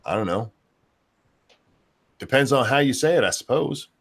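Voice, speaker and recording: A man's voice: mid-range voice, animated, moderate pace, slightly rough. A man hosting a live stream in casual chat, reading out viewer comments with blunt, sardonic swearing.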